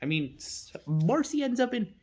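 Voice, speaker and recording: The fandom video maker chatters off the cuff with a giggly, rambling style, frequent self-corrections, asides and laughter. Their medium-pitched, slightly mellow voice has big pitch swings and a moderate pace.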